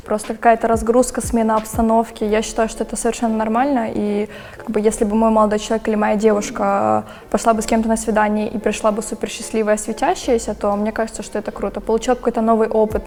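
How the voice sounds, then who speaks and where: A nineteen-year-old woman talks fast and frankly, her high voice warm and mellow. Her voice rings with a long reverb in the room. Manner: frank, quick and chatty. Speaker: show guest rating blind dates. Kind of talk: casual chat.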